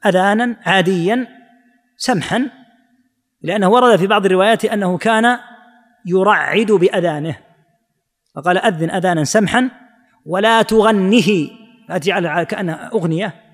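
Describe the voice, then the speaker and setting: A man giving a religious lesson, demonstrating each phrase by slowly drawing out its vowels. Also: high voice, in a large hall. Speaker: Islamic scholar teaching.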